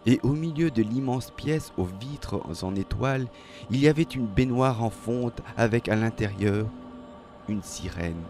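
A man reading a dramatic story aloud in a slow, measured, expressive way. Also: medium pitch. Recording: faint music behind.

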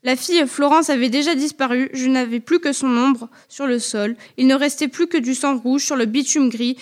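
Une femme qui lit un roman à la première personne, d'un ton posé et intime. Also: female voice, high-pitched. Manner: measured, intimate, literary. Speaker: audiobook reader. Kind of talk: first-person literary narration.

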